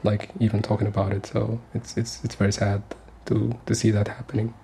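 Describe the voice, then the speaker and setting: A man's voice: on the low side, little pitch movement, fairly quick, vocal fry, background noise. A man in his thirties from Sudan, speaking as a guest on a community radio interview, earnest and hesitant with many fillers and restarts. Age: 30s.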